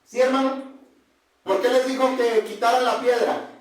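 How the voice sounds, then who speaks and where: A man's voice: very high voice, fairly even intonation, moderate pace. A male preacher giving a conversational sermon, who keeps asking the congregation questions and addressing them as brothers. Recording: very echoey room heard from a distance.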